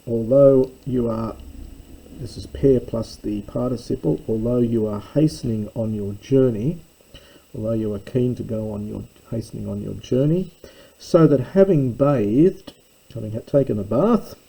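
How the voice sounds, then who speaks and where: Man, classics teacher, gravelly dark voice, slow careful translation with pauses. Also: mid-range voice, rough recording. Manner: careful, halting, with frequent fillers. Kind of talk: reading and translating Greek text line by line.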